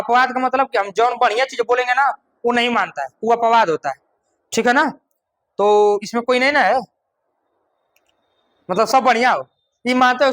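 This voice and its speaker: A male teacher explains a grammar rule in small steps. His voice is high and bright. He repeats key words and keeps asking if the class has understood. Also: low-quality recording.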